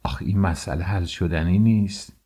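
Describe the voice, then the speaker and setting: A man's voice: deep voice, dark tone, husky, voice pushed up. A man reading an audiobook, voicing a distraught middle-aged mother who laments and pleads. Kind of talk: audiobook character voice.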